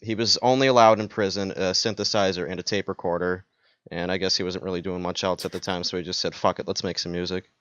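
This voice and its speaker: Deep-voiced laid-back young man. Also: steady tone, fast talker, a bit bright, dry recording. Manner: laid-back, dry, casually profane. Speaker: podcast co-host. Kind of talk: casual podcast chat. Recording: slightly dull lo-fi mic.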